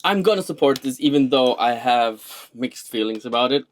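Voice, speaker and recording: A man co-hosting a casual chat show, enthusiastic and animated, often tripping over his words. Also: medium pitch, moderate pace. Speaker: podcast co-host.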